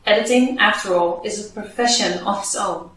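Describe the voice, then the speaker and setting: Far from the mic in a very echoey room, a woman with a mid-range, slightly bright voice speaks at a moderate pace over slight background noise. A native Dutch speaker, she hosts a podcast and gives researchers advice in a scripted video.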